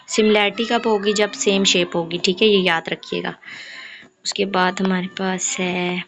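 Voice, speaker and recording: A young woman, going slowly through exam revision as an online tutor and mixing English math terms into her speech. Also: medium pitch, a little hiss or hum.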